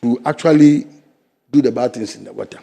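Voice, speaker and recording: Brisk, husky and edged with vocal fry, an older Ghanaian man argues his case as a guest in a studio interview. He speaks Ghanaian-accented English for the fisheries sector, his emphatic delivery swinging between loud stresses and low asides.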